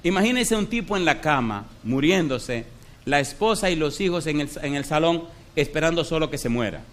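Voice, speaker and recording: A man's voice: fairly high pitch, lively intonation, moderate pace. A middle-aged man preaching a sermon as a pastor, who tells stories with acted dialogue and keeps asking the congregation questions.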